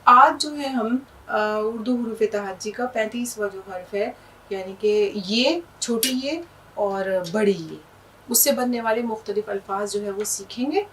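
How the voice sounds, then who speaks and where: A woman's voice: fairly high pitch, a bit bright, far from the mic, slight background noise, rough recording. A woman teacher with an Indian Urdu accent, patiently explaining words and letters with examples in a language lesson.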